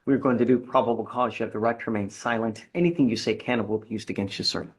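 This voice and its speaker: A man's voice: lowish voice, fairly even intonation, fast talker, slightly rough. A man speaking as a judge in a courtroom, giving blunt, stern orders and warnings in a directive way. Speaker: judge presiding over bond hearings.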